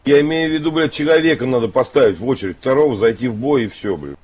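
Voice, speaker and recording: A man's voice: mid-range voice, fast talker, slightly rough. A man in a game voice chat, curtly insulting another player. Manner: insulting, curt. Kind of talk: heated banter in game voice chat.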